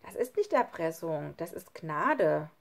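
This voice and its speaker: Eine Frau, die in einem Hörbuch einen ernsthaften, frommen kleinen Jungen spricht. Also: female voice, deep voice, very animated, a little slow, vocal fry, exaggerated voice. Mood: earnest. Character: earnest, pious little boy.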